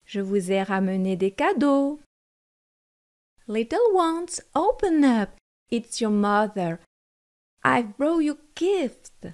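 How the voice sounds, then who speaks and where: A sly, menacing storybook wolf, put on by a woman reading aloud, coaxing in a raised, loud voice. Its delivery is slow and drawn out, pushed higher than the reader's usual voice. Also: sing-song. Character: wolf, male, sly and menacing, faking a mother's voice. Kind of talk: storybook narration.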